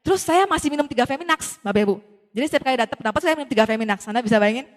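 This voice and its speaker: A woman tells an audience a personal story in a quick, lively way. She acts out the dialogue and keeps speaking to her listeners directly. Her voice carries a long hall reverb. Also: on the high side. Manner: addresses the audience often. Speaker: speaker giving a testimony.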